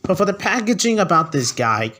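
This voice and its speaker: At home in a small furnished room, a young adult man reviews a toy to camera, casual and enthusiastic, repeating words as he goes. His high voice is sing-song, bright and forceful, a little fast, with slight background noise.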